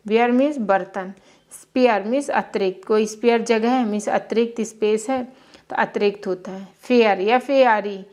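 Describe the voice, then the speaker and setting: A woman teaching a beginner English phonics lesson, patiently spelling each word letter by letter and giving its meaning. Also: medium pitch.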